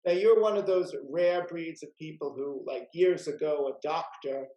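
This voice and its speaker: A man's voice: on the high side, steady tone, normal speed, warm tone, echoey room, dull audio. A man hosting a casual video-call chat about rare books, talking in a chatty way full of "uh" and "you know". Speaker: rare book dealer and host.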